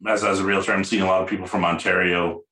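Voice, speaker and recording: A man's voice: low-pitched, level tone, quick pace, bright, forceful tone, roomy sound, rough recording. A man from Edmonton hosting a podcast, upbeat and casual, often repeating words as he talks. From Edmonton, Canada. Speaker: podcast host, realtor. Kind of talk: podcast interview.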